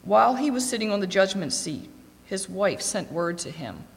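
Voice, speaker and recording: A woman reads scripture aloud at a steady, clear pace. Her voice sits at an ordinary middle pitch. A long reverb trails behind each phrase. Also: normal speed. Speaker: scripture reader. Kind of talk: scripture reading.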